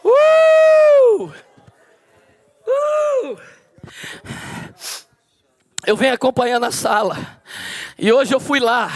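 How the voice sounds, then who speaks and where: Male pastor, high voice, Brazilian, preaching a sermon that builds to shouted declarations. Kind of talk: Bible study sermon. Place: church hall.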